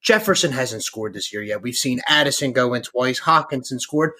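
Husky, lively frat-bro man talking sports picks. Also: medium pitch, normal speed. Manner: frat-bro hype talk, swearing. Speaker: sports betting show co-host. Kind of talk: hyped sports picks chat.

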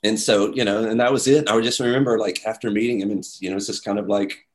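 Animated man telling a story. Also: lowish voice, fast, a little hiss or hum. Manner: animated, acts out quotes, many fillers. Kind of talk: casual storytelling.

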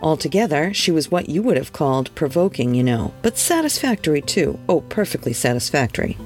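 A podcast host reading a classic holiday story aloud, measured and expressive with wry asides. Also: mid-range voice, soft background music. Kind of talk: storybook narration.

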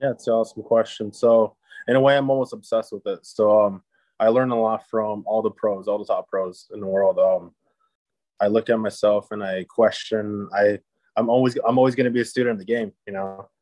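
A man raised in Japan, talking as a podcast guest in an easygoing, upbeat way with many pauses. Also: fairly low pitch, fairly even intonation, warm tone, dry recording, rough recording. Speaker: podcast guest, disc golf player. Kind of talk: casual interview chat.

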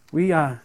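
A male preacher giving a sermon in a plain, conversational voice. He reads the scripture passages aloud, then explains them with lots of pauses, fillers and restarts. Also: on the high side, gravelly, husky. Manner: plain-spoken, halting, many fillers and restarts.

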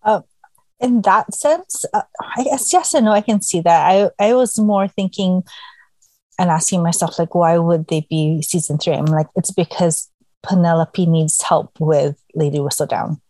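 A woman's voice: fairly low pitch, normal speed, warm tone, no room sound. A woman co-hosting a casual fan chat, musing hesitantly with many fillers. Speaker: podcast co-host.

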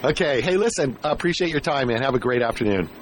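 A man hosting a casual radio interview, rambling haltingly and repeating words as he shapes his questions. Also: medium pitch, expressive, a little hiss or hum. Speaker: radio show host interviewing a guest.

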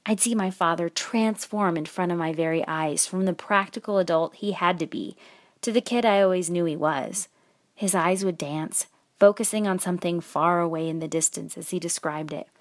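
A woman podcast host reading a personal story aloud in a measured, expressive storytelling way. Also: lowish voice, dry recording, clean studio sound.

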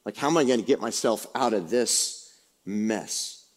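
Guy putting on a stressed-out king mumbling low, mad and stuck. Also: measured pace. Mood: fretting. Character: troubled angry king, middle-aged.

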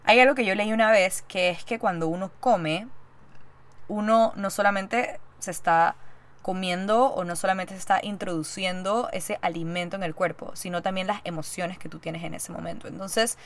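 A young woman hosting a podcast, telling a story in a chatty, animated way and acting out the lines she quotes. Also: mid-range voice, normal speed. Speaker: podcast host. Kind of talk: casual storytelling monologue.

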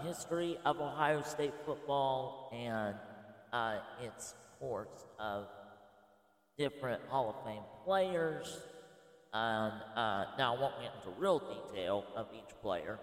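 A man in his thirties giving a casual, rambling spoken presentation with many filler pauses. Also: mid-range voice. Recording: echoey room with long reverb.

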